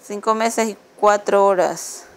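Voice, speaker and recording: Slow-talking mother cooing at her babies. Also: mid-range voice, fairly even intonation. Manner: coos at babies in baby talk. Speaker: mother filming her baby twins. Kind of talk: home video vlog. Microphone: handheld camera.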